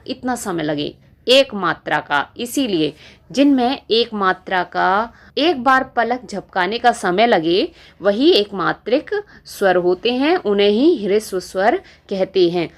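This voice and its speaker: A woman teaching Hindi grammar in a lesson video, explaining slowly, repeating key terms and asking rhetorical questions. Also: mid-range voice. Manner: slow, repetitive explaining with frequent rhetorical questions.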